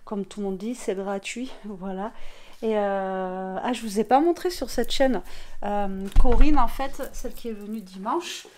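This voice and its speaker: A woman, talking with a raspy, hoarse voice as she vlogs. She sounds worn out and rambles loosely, filling pauses with hesitations and turning aside to talk to her pet. Her voice sits at a middling pitch. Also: darkish tone. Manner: rambling, many fillers, talks to her pet. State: tired, worn out. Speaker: vlogger. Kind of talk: casual vlog chat.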